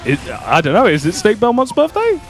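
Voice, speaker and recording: A man doing live esports commentary on a fighting game, joking and jumping up in excitement on big plays. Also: sits high, brisk, faint music behind.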